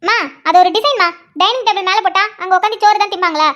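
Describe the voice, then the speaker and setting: This is a snappy, fed-up young woman in a cartoon with a very high voice, as a woman plays her. She sounds exasperated and short. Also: quick pace, fairly bright tone. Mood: irritated. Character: irritated young woman, a student.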